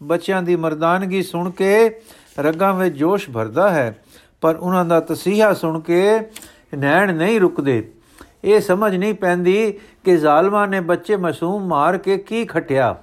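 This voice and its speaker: A man's voice: high-pitched, unhurried. A man reading the part of a grieving, devoted older chieftain, earnest and reverent in manner.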